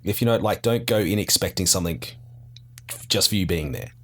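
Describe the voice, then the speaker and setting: A man's voice: deep voice, fairly quick, fairly bright tone. A man with an Australian accent chatting casually on a podcast, laid-back, rambling and self-mocking. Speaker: podcast guest. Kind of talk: casual chat.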